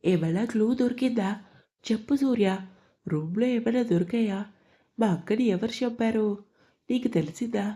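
A woman's voice: on the high side, normal speed, pauses often, mellow, close to an everyday voice. A woman voicing a grieving young woman who pleads and argues in an agitated way in an audio story. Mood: pleading.

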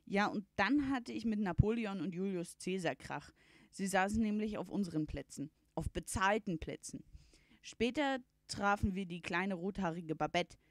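A woman's voice: on the low side, dry recording, clean studio sound. A woman reading a cheeky jovial uncle. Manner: playful, teasing, exclaiming. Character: cheeky jovial uncle, a pharmacist, middle-aged man.

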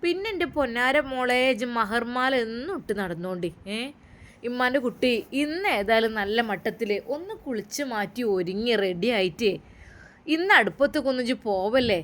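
A woman's voice: fairly high pitch, lively intonation, normal speed, fairly bright tone. A woman voicing a doting elderly mother-in-law in a Malappuram accent, fond and fussing. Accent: Malappuram Malayalam.

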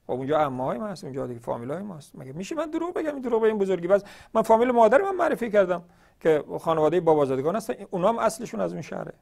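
Pitched high, his voice is expressive and gravelly yet a touch mellow. He is a man from northern Iran presenting a religious question-and-answer show, pressing his arguments forcefully through numerous rhetorical questions in a polemical TV monologue.

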